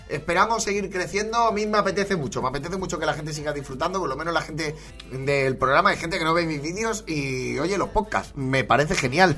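Guy hosting a comedy podcast, pretty high voice, keeps cracking up while he talks. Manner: laughs a lot, excitable rambling commentary. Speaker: podcast host. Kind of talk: comedy podcast commentary on clips.

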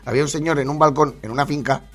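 A man's voice: a little high, steady tone, racing, soft background music. A man with a Spain Spanish accent chatting casually to followers, laughing often and mimicking voices. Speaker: host.

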